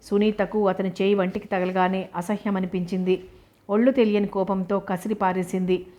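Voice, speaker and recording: A woman narrating a novel aloud in an even, steady storytelling manner. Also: medium pitch, normal speed.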